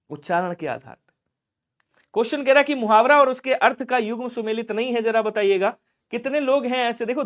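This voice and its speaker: High-voiced man teaching a lively class. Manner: lively, coaxing, quizzes students and quotes their replies. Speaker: Hindi teacher. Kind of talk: live online exam-prep class.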